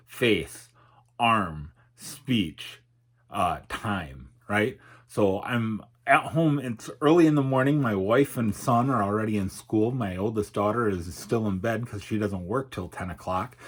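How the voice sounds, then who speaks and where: A man's voice: fairly low pitch, husky. A middle-aged man speaking candidly and hesitantly in an unscripted personal vlog, his articulation slightly altered by a numb face. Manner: halting, reflective, hesitant. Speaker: YouTuber and podcaster.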